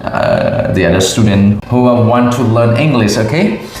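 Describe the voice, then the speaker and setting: A woman's voice: a bass voice, a little slow, a little mellow, a little hiss or hum. A young adult woman from Cambodia with a Khmer accent, an English teacher asking a child simple questions. She speaks patiently, repeats each answer back and praises often. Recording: echoey room.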